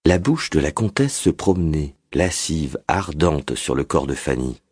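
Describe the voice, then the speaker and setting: Male audiobook narrator, very deep, husky, measured, dramatic, dry close sound. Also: lively intonation, a little mellow, dry recording. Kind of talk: scripted literary narration.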